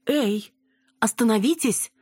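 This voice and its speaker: A woman's voice: mid-range voice, sing-song, a little slow, slightly rough, no echo, studio quality, voice pushed up. A woman voicing an exasperated, impulsive young woman who exclaims in a raised voice.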